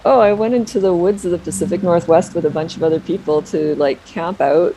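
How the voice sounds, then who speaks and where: A woman's voice: fairly low pitch, fairly quick, noisy background. A woman, a sound artist and professor, recalling things in a chatty, loose interview manner. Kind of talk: casual interview recollection.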